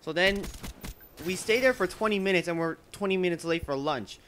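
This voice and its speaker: A teenage boy rambles through a story over gameplay, his voice sitting a little high. He leans on filler words and restarts as he talks casually. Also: brisk, fairly bright tone. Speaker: gameplay commentator.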